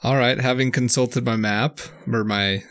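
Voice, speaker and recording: A man's voice: mid-range voice, steady tone, a little slow, a bit bright. This is a young man from the United States, co-hosting a casual podcast. His talk is easygoing and full of laughs, and he often finishes the other host's sentences. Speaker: podcast co-host. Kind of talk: casual chat.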